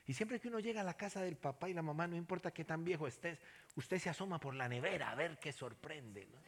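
A man preaching a sermon, telling a personal story and then appealing to listeners, going from soft near-whispers to loud passionate calls. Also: fairly high pitch, fast talker. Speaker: pastor.

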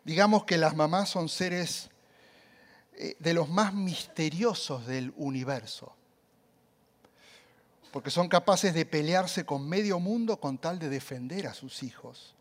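Man preaching, animated storytelling, loud cries and soft asides, slightly high voice. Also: takes it slowly. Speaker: pastor. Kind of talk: sermon.

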